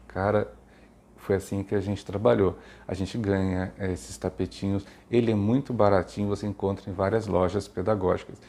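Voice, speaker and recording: Deep gravelly Brazilian man teaching. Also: warm tone. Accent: Brazilian Portuguese. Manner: explanatory, repeats letters aloud with emphasis. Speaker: educator giving literacy tips to parents. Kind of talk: informal teaching talk.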